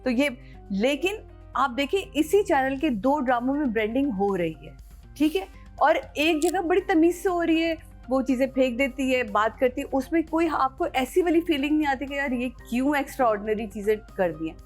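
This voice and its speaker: High-voiced enthusiastic woman panelist. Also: normal speed, soft background music. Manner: lively and enthusiastic, laughs while telling. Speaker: drama review panelist. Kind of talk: casual panel chat.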